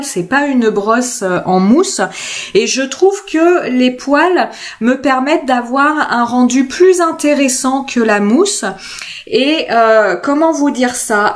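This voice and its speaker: A woman from France talking through a craft tutorial in a casual, chatty way, with many hesitations and self-corrections. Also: high-pitched. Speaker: craft video host.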